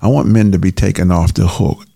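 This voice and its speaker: A man with a very deep, gravelly voice and a mellow, dark tone speaks as a guest on a call. He reflects slowly and haltingly, filling his pauses with small hesitations. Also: fairly even intonation, no echo, studio quality.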